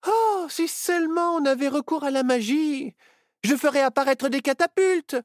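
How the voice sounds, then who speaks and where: A woman voicing a confident, bubbly young girl witch in a storybook, with a lively, boastful manner. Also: high voice, moderate pace, dry recording, clean studio sound, voice pushed up, close to an everyday voice.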